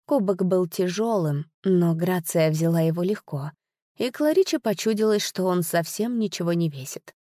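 A woman with a fairly low voice narrates a story audiobook expressively at a moderate pace. The studio-quality recording has no room sound.

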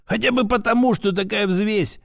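Audiobook: male narrator doing a calm, strict old grandfather-teacher, higher voice, dry. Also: vocal fry, no echo. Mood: stern. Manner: calm, instructive, measured. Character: stern old grandfather, a patient mage teacher. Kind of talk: audiobook character voice.

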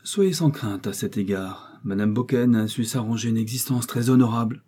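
A man voicing a reserved notary who speaks coldly and in a measured way. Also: medium pitch, mellow, breathy edge, close to an everyday voice. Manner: cold and measured. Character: cold, reserved middle-aged male notary.

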